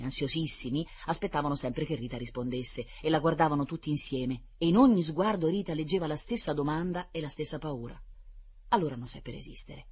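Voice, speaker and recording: Storyteller: woman, low and husky, very expressive intonation, children's book reading. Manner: expressive, hushes for narration.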